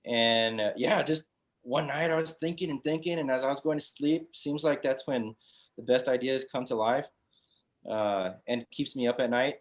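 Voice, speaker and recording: A man, a brewery founder chatting as a guest on an interview show, relaxed and full of fillers and restarts. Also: medium pitch, moderate pace. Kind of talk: casual interview chat.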